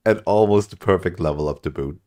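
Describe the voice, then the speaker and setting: A man's voice: low voice, moderate pace, warm tone. A man doing live video game commentary, casually thinking aloud as he plays. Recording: game music behind the voice. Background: video game music.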